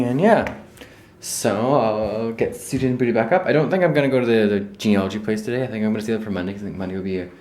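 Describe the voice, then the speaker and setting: Casually addressing his handheld camera, a young travel vlogger from Canada thinks aloud, rambling and correcting himself, in scenes split between a park outdoors and indoors. His voice is mid-range with a darkish tone.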